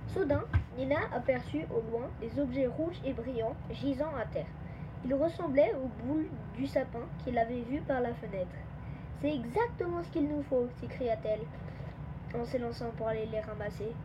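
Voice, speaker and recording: A woman with a high voice reads a children's Christmas story aloud. Her telling is gentle and expressive. The recording is dull and lo-fi, with clear background noise throughout. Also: moderate pace.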